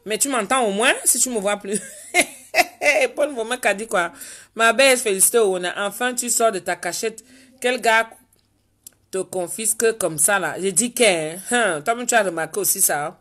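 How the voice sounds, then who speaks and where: A woman's voice: medium pitch, moderate pace, fairly bright tone. Chatty woman hosting a live stream. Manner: chatty, reads viewer names aloud and answers them. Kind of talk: casual livestream chat reading viewer comments. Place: at home.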